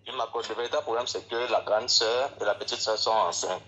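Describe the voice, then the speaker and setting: A lowish male caller with a bright tone talks in a flat, low-energy way as he explains his problem. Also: fairly quick, highs cut off.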